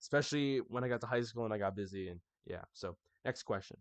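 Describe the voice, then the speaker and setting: A young man with a lowish voice hosts his gaming channel, talking quickly on a dry recording. In a casual scripted anniversary recap, he chats straight to his viewers and calls them y'all.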